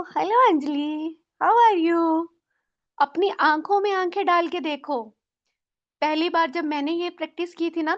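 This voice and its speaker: A woman leading an online group through mirror affirmations, gentle and coaxing as she shows how to praise and thank yourself. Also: high-pitched, lo-fi sound. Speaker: mirror-talk guide. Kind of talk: guided self-affirmation session.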